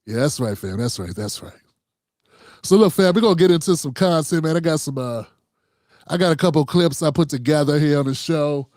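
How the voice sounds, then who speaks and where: With a slightly high, somewhat mellow voice, the man talks fairly quickly and expressively over studio-quality, echo-free audio. It's his own political commentary show: loose, profane, rambling, and full of "fam."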